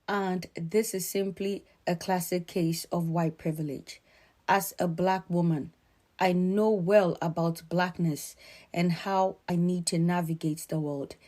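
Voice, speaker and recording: A woman from Ghana with a Ghanaian accent, giving earnest, emphatic spoken commentary in a measured way. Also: fairly low pitch, fairly even intonation, dark tone.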